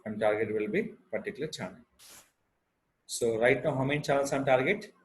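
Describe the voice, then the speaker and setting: Speaking with an Indian Telugu accent at a medium pitch, a man walks through an unscripted software tutorial step by step, using halting, repetitive instructional phrases.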